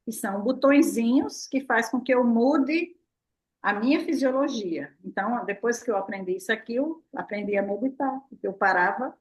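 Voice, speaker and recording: An older woman gives a relaxed, playful talk as a therapist. She keeps tossing in little questions and answers them herself, in a warm, chatty back-and-forth. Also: on the high side, normal speed. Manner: lively, playful, full of "né?" and rhetorical "o quê?". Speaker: therapist and guest speaker. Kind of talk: casual explanatory talk to a live online audience.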